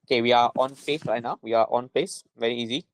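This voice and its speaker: A man's voice: medium pitch, steady tone, fast, a little hiss or hum, low-quality recording. A man with a Malaysian accent giving an informal lesson as a tutor, repeating himself and often tagging phrases with little checking words. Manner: repetitive, punctuating with "right?" and "lah". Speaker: chemistry tutor.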